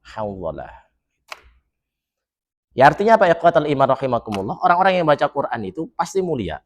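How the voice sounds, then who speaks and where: A man's voice: mid-range voice, a little fast. A man preaching in a mosque, quizzing his listeners and joking, reciting Arabic phrases and then explaining them. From Solo, Central Java. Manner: lively, jokes and quizzes the congregation. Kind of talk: mosque sermon.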